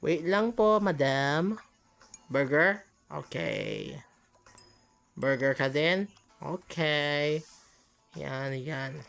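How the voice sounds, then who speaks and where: A woman's voice: deep voice, animated, very slow, gravelly, pauses often, fairly bright tone, faint music behind. A woman giving chatty gameplay commentary, often exclaiming and laughing at her own mistakes. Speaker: gaming channel host.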